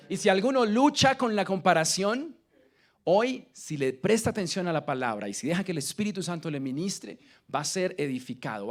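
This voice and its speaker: A man with a Colombian accent preaching a sermon, asking the congregation questions and swinging between loud emphasis and quiet lines. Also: fairly high pitch. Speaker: pastor.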